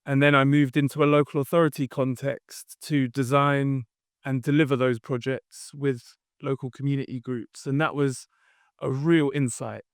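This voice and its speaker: Man, smooth clear voice. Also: mid-range voice, flat delivery, moderate pace, dry recording, studio quality. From London. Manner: thoughtful, explanatory, with frequent fillers. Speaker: podcast guest, company founder. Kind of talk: conversational interview answers.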